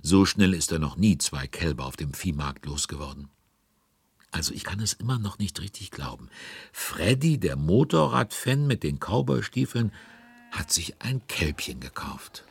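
Very deep, husky storyteller. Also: male voice, expressive, normal speed, no room sound, heavily acted. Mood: amused. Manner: conversational, wondering aloud. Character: genial male storyteller commenting on events. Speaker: narrator. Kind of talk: scripted narration, German children's audio drama.

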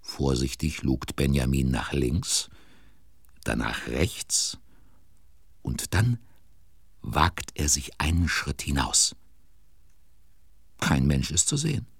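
A man narrating a children's audio drama as a dramatic, deliberate storyteller with a gravelly voice. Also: very deep voice, animated, no room sound, full character voice. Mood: suspenseful. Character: storyteller of a children's tale, attentive and suspenseful.

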